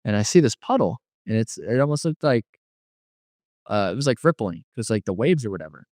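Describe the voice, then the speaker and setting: A man's voice: lowish voice, big pitch swings, a little fast, a little mellow, no room sound, studio quality. A young man casually recounting a personal testimony, rambling with lots of filler words. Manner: rambling, filler-heavy storytelling full of "like". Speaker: guest telling a near-death testimony.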